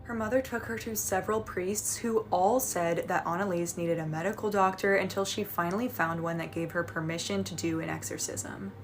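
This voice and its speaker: A woman with a fairly low voice narrates a scripted true story in a conversational way. There is clear background noise behind her speech. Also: brisk, hardly any pauses.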